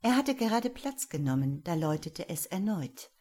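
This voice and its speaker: A woman narrating a crime story aloud in a steady storytelling manner. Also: fairly low pitch, normal speed, husky.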